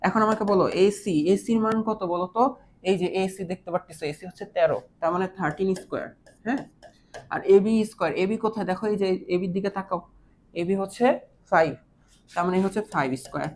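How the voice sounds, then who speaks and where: A woman's voice: mid-range voice, fast, a little mellow, slight background noise. A woman teaching an online math lesson, patiently asking her students whether they follow and mixing English math terms into her speech. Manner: patient, keeps checking understanding with questions.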